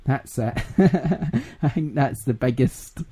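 A man's voice: mid-range voice, slow, warm tone, husky. A Scottish man hosting a gaming podcast in casual chat, laughing often and rambling. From Scotland. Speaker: podcast host.

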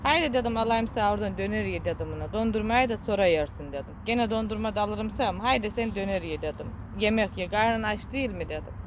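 A woman with a Trabzon Turkish accent tells a personal story in an earnest, regretful tone, repeating herself and using local dialect words. Faint street and traffic noise sit behind her voice outdoors. Her pitch sits in a middle range for a woman. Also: expressive, fast, hardly any pauses. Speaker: vlogger.

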